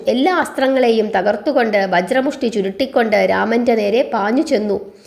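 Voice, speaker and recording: A woman storyteller narrating a devotional epic in a measured reciting voice, adding short devotional chants between scenes. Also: a little high, a little mellow.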